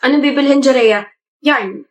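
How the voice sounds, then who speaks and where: A woman's voice: sits high, moderate pace, echoey room. A woman acting in a comedy skit, talking in a whiny, demanding way.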